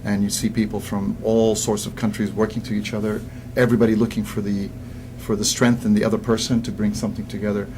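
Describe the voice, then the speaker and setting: Older man from Egypt, low voice. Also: fast talker, noisy background. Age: 60s. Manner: animated storyteller who repeats words when starting sentences. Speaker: guest business coach. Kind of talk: casual interview chat.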